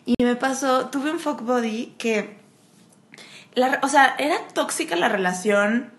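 Mexican woman co-host, fairly high voice, candid storyteller. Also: unhurried. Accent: Mexican Spanish. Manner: candid storyteller, acts out quotes. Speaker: podcast co-host. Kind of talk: casual chat.

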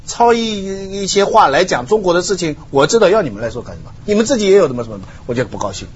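A man speaking as a talk show guest in casual chat, earnest and quick, often stammering and restarting. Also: sits high, sing-song, slightly rough. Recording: slightly muffled broadcast audio.

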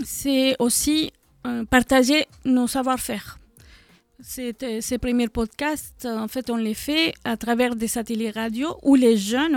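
Guesting on a live radio studio interview, an association co-founder from Mexico talks hesitantly, filling her speech with fillers. She is middle-aged, with a Mexican Spanish accent and a slightly high voice marked by vocal fry; the audio has no room sound.

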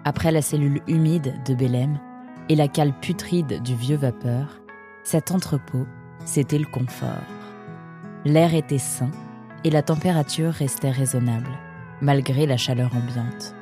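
A woman reading a storybook narration in a calm, measured way. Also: a bass voice. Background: soft guitar music.

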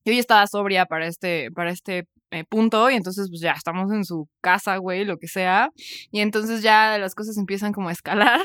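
A woman's voice: medium pitch, fairly even intonation, fairly quick, a bit bright, smooth, dry recording, clean studio sound. A young woman with a Mexican accent co-hosting a podcast, telling a story in casual chat with lots of laughter and slang. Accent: Mexican Spanish. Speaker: podcast co-host.

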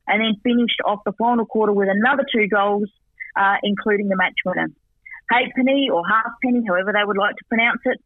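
Male guest analyst, talkative, stats-heavy, high voice down a phone line. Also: no room sound. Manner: chatty, rattles off stats with asides. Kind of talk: radio sports recap and tips by phone. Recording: tinny dry phone line.

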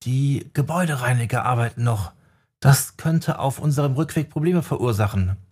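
A man voicing a sharp-tongued young woman necromancer in an audiobook, brisk and teasing. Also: medium pitch, husky, pitched above the performer's own voice, natural voice. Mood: worried. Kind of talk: audiobook character voice.

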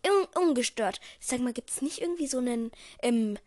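A woman with a high voice chats casually and breaks in with jokes, often dropping to a hushed tone. The sound is dry and close. Her delivery is playful and offhand. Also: animated, moderate pace, no room sound. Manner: joking interruptions, often hushed. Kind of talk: casual chat.

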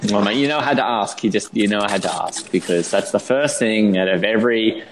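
A man's voice: fairly low pitch, fairly quick, background noise. An Australian man hosting a casual sports podcast, chatting in an informal, matey way. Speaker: podcast host.

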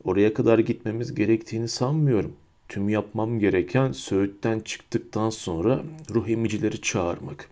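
Guy doing a creepy silky wizard teacher, low and hissy, dark mellow voice, audiobook. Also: normal speed, hardly any pauses, lightly acted. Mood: silky menace. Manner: low, silky, hissing menace. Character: cold, menacing adult male wizard teacher. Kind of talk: audiobook character voice.

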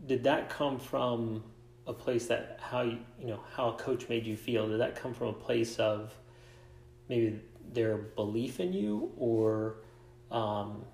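A man's voice: mid-range voice, takes it slowly, vocal fry, darkish tone, slight background noise. A man hosting a casual interview about coaching, reflective, asking long rambling questions. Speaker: podcast host, coach and author. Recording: echoey room.

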